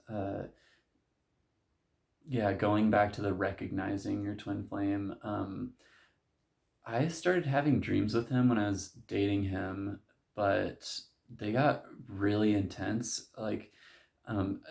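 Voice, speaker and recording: Low, gravelly young man rambling. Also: a little mellow. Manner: rambling, many "like" and "um" fillers. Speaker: vlogger. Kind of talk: casual spiritual monologue.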